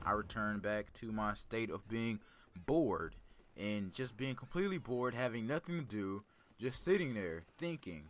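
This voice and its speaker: A young man telling a personal story in a casual, rambling way, with a calm, laid-back, serious delivery. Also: fairly low pitch.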